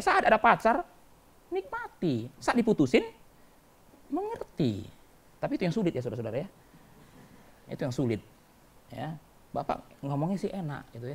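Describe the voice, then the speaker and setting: A male pastor preaching a sermon in church, animated, mimicking quoted voices and swinging between loud and soft. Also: on the high side, vocal fry.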